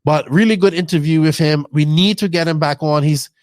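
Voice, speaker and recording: A man's voice: a little high, a little fast, no room sound, studio quality. Male podcast host, Bermudian accent, chatty and informal, unscripted delivery. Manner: talkative, informal, toned-down accent. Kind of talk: casual podcast talk.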